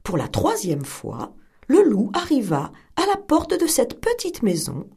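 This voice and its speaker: A woman reading a fairy tale aloud in an expressive, dramatic storytelling manner. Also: on the high side, unhurried, breathy edge.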